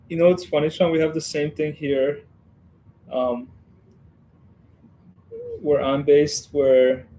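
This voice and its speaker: Chatty man hosting a relaxed livestream. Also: a little high, low-quality recording. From Western Ukraine. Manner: chatty and rambling, talks to viewers while building. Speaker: livestream host building a model set. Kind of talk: casual livestream chat.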